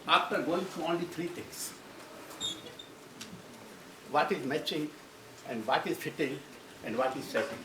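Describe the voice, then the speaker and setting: Rambling and restarting his phrases, a guest lecturer speaks in a university lecture hall. His voice is on the high side with a fairly bright tone. The mic is distant, so the sound is roomy and background noise is audible.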